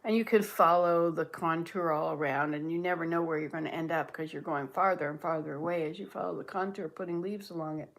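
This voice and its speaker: A woman's voice: low-pitched, fairly even intonation, brisk, hardly any pauses. A woman in her late sixties from Canada, chatting casually on a livestream, musing aloud and answering viewer comments as she reads them. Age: 60s. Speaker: livestream host.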